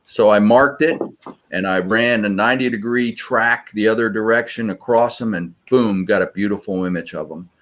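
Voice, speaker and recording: A man answering interview questions, explaining search methods in a practical, measured way. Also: on the low side, a bit bright. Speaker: sonar search trainer.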